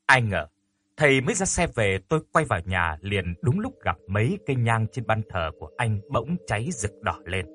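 Expressive male ghost-story narrator. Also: mid-range voice, breathy edge, dry recording, clean studio sound. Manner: expressive, dramatic.

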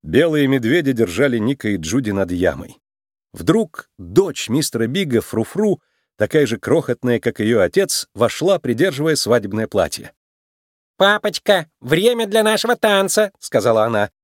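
A man's voice: mid-range voice, sing-song, normal speed, a little mellow, dry recording, studio quality. A man reading a storybook aloud as narrator, telling it expressively.

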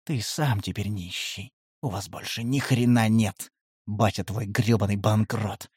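A man voicing a menacing young male half-elf who hisses and growls threats in a low voice. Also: fairly even intonation, measured pace, darkish tone, husky, dry recording, studio quality.

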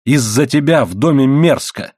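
A man reading the part of a furious, worn-down miner's wife with sharp, indignant retorts. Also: medium pitch, expressive, normal speed, dry recording, clean studio sound, lightly acted.

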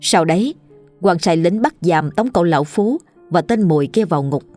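A woman narrating a scripted ghost story at a steady, even storytelling pace. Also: lowish voice, normal speed, soft background music.

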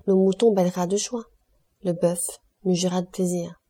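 Cold ironic count, aristocratic man, declaiming, read by a woman, low, husky, audiobook. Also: level tone, normal speed, warm tone, natural voice.

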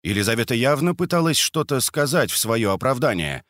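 A man narrating a crime audiobook in a steady, even reading manner. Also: mid-range voice, a little fast, no echo, studio quality.

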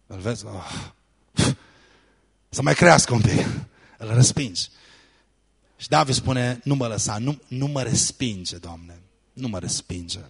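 A man's voice: mid-range voice, a bit bright. A man preaching a sermon as pastor, reading scripture verses and acting out pleading prayers.

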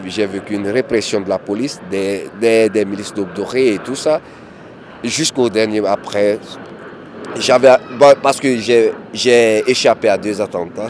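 A man's voice: lowish voice, a little mellow, slight background noise. A man speaks as an interviewee. He talks with many hesitations, repeated words and restarts. He is recorded outdoors in a city. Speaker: interviewee, migrant activist. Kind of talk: candid interview testimony.

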